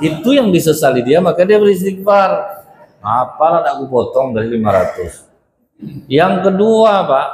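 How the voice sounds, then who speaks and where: A man's voice: medium pitch, a little mellow. A male preacher with a Riau Malay accent giving a folksy storytelling sermon, constantly addressing the men as sir. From Riau, Indonesia. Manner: folksy, addresses listeners as Pak. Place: mosque. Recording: echoey mosque hall.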